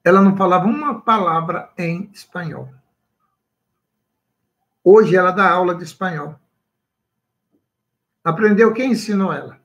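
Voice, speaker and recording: A man's voice: sits high, unhurried, long pauses, a bit bright, rough recording. A man, a pastor preaching a sermon on a livestream and asking his listeners questions.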